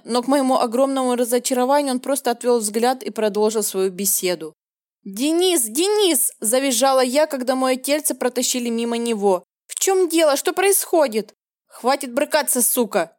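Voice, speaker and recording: A woman's voice: a little high, darkish tone, no echo, studio quality. Woman reading a tense audiobook. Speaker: audiobook narrator. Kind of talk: first-person romance audiobook narration.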